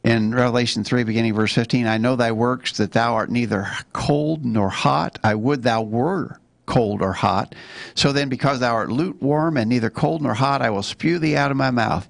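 Male bible study host, gravelly tone, earnest, dry close sound. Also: mid-range voice, dry recording. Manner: earnest, reads scripture aloud with halting restarts. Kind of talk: casual Bible study talk.

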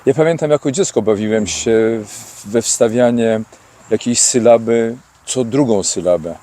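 A male interviewer with a mellow, dark voice at a middle pitch. He asks measured, reflective questions outdoors by a street, thinking aloud as he goes. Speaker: interviewer, channel host.

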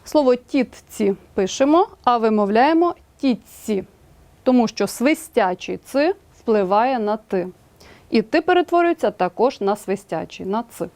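A woman with a Ukrainian accent reading a scripted language lesson, spelling out example words slowly and clearly. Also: a little high, animated, darkish tone. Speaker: language teacher.

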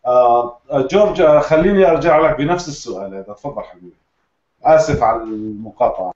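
A man's voice: mid-range voice, animated, fast talker, darkish tone. Levantine guy hosting a call-in panel, laid-back, lots of "ah", echoey and kinda muffled. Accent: Levantine Arabic. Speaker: host. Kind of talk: online panel discussion. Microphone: internet call. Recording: dull lo-fi call audio in echoey room.

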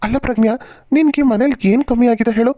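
A woman's voice: a little high, fast, no echo, highs cut off, lightly acted. A woman voicing a family member in a cartoon serial, scolding and then reassuring. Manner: scolding, questioning.

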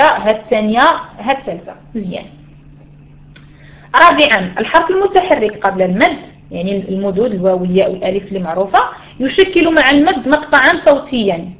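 A woman's voice: a little high, dull audio. A woman teacher with a Moroccan Arabic accent gives a reading lesson in an online voice room. She explains step by step, switches between formal Arabic and dialect, and asks her listeners rhetorical questions.

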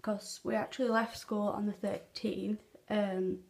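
A young woman chats casually to her vlog while wearing clear plastic retainers. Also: medium pitch, little pitch movement, a little slow, darkish tone. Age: teens. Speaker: vlogger. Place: small bedroom at home. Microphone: handheld phone camera at arm's length. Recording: phone recording with faint noise.

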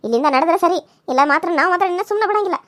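A woman's voice: very high voice, expressive, racing, fairly bright tone, no room sound, studio quality. A woman voicing several characters in a cartoon serial, wailing, pleading and scolding.

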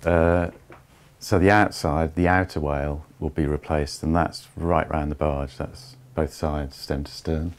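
Deep-voiced man explaining on a tour. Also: fairly even intonation. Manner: measured, explains step by step. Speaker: barge restorer giving a tour. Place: inside the wooden hold of an old sailing barge.

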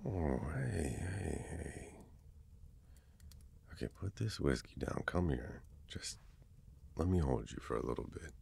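A young man in a whispered role-play as a best friend, casual and swearing, teasing then gently comforting, close to the mic. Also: very deep voice, lively intonation, unhurried, creaky, long pauses, slight background noise. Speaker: ASMR boyfriend role-play performer.

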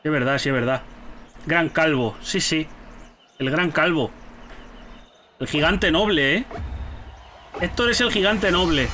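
A man giving casual, animated commentary while he plays a game and teases his friends. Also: fairly high pitch, a little hiss or hum. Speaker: gaming YouTuber.

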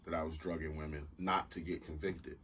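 A man co-hosts a podcast, chatting casually in a laid-back, rambling style full of fillers. His bass voice is husky and fairly bright, delivered flatly and a little fast. The mic is distant, with faint background noise.

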